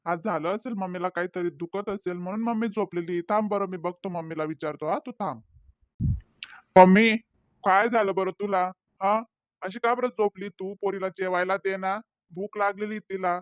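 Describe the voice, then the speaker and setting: A man's voice: high-pitched, steady tone, moderate pace, no echo, highs cut off, natural voice. A man voicing a patient, placating cartoon dad. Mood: soothing. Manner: soothing, placating. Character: patient, placating young father. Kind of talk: cartoon voice acting.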